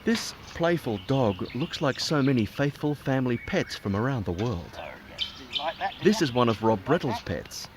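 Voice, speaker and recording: A man reading scripted documentary narration in a lively, dramatic way. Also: mid-range voice, normal speed, noisy background. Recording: narration over clear music.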